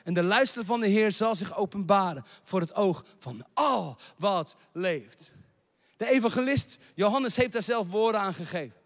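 A man preaching a sermon, building to shouted proclamations and dropping in English phrases. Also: high-pitched, lively intonation, normal speed, big-room sound.

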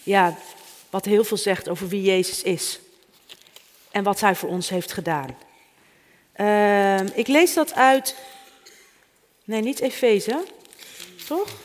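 Slow, earnest middle-aged preacher in a reverberant hall. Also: medium pitch. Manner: earnest, repeats phrases in a gentle cadence. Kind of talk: sermon with scripture reading and prayer. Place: church service before a congregation. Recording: reverberant church hall, faint music.

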